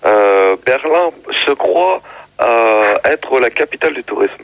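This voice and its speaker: A man's voice: medium pitch, animated, slow, vocal fry, dry recording. Argumentative male caller on a dull line. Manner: argumentative, keeps interrupting. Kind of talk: radio phone-in banter.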